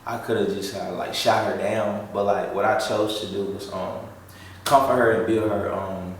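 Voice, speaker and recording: A man's voice: lowish voice, fairly even intonation, normal speed, slight background noise. A man, joking around in a laid-back way while answering follower questions beside his partner. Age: 20s. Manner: joking, laid-back, says bro and y'all. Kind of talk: casual chat. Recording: echoey room, mic at a distance.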